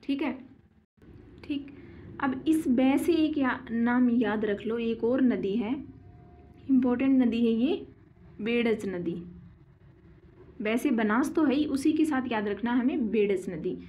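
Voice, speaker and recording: A woman teaching a geography lesson, slowly repeating key names and quizzing her students with questions as she draws on a board. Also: a little high, dull audio. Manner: slow and deliberate, drawing on a board while explaining.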